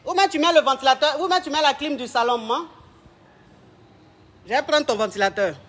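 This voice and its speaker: Flamboyant high-voiced man. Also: brisk, fairly bright tone. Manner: flamboyant, mocking and theatrical. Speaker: relationship coach. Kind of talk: live stream chat. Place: at home with family around.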